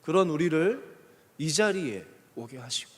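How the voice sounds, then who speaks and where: A man preaching a youth service sermon as a pastor, emphatic and swinging between loud pushes and hushed asides. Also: on the high side, animated, measured pace. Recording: long reverb of a church hall.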